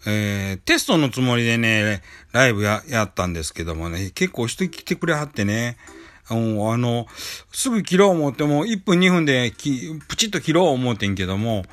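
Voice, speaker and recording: A man's voice: medium pitch, very animated, normal speed, a bit bright. A man with a Kansai accent hosting a casual solo talk show, rambling with many fillers and restarts. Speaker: podcast host. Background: faint background music.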